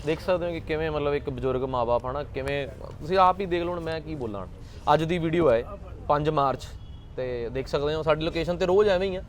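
A man's voice: fairly high pitch, fast talker, slight background noise. A man hosting a charity street interview, consoling and reassuring the people he speaks with. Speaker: charity volunteer host.

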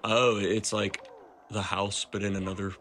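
A young man with a lowish voice talks over a friend's gameplay, cracking jokes and cursing at the platforming. A faint hum of noise sits behind him. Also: little pitch movement, a little slow, a bit bright. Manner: wry, profane, complains and jokes. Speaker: co-host. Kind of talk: let's play commentary.

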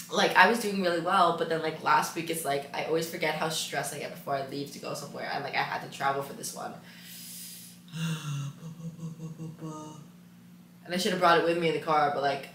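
Chatty low-voiced young woman vlogger. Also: a bit bright, a little hiss or hum. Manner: rambling, chatty, self-deprecating. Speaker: crochet vlogger. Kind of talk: casual vlog chat. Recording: echoey room.

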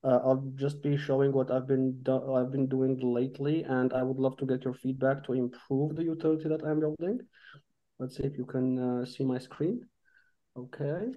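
A man, a company co-founder, gives a relaxed, informal software demo over a group video call, with frequent fillers and restarts. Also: mid-range voice, moderate pace. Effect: heard over a group video call. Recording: dull lo-fi video call audio.

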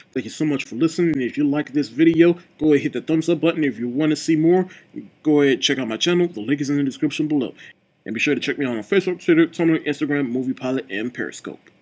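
A man giving a casual, chatty movie review, with a relaxed delivery full of fillers like "like" and "you know.". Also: on the high side, fast, husky. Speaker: film reviewer.

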